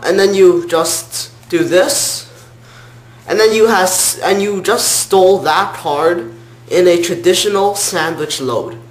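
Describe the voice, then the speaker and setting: A man giving an informal step-by-step card trick tutorial as a magician, sometimes correcting himself. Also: sits high. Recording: roomy, echoing sound.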